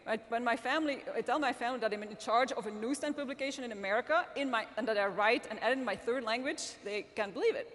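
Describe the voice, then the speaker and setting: The speaker talks fast with hardly any pauses, her voice on the high side and fairly bright. She is a middle-aged Belgian magazine editor-in-chief who learned English later in life and doesn't speak it natively. At a summit she delivers an earnest conference talk with frequent restarts to a live audience, and the large event hall adds long reverb.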